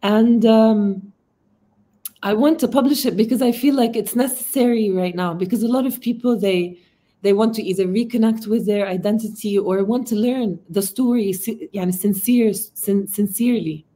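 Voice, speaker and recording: Talking over a laptop mic from her home, this Palestinian artist based in Amman, a woman in her thirties with an Arabic accent, joins a video call as an interview guest. Her mellow, mid-range voice moves at a moderate pace through casual conversation that turns reflective as she often hunts for the right word.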